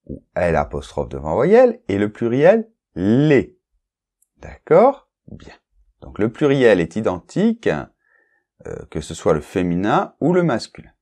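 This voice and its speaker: A man's voice: low-pitched, a little mellow. A man teaching a French grammar lesson, talking straight to one learner, repeating sounds carefully and checking in often with "ok?" and "d'accord?". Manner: addresses the learner informally, one to one; spells out and repeats sounds for clarity.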